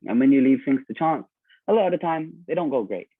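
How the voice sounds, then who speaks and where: A man's voice: medium pitch, expressive, fast, no room sound. A man, politely telling his story as a guest on a call, with many ums and "okay?". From London, United Kingdom. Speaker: trading educator and guest. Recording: dry, tinny phone-like call line.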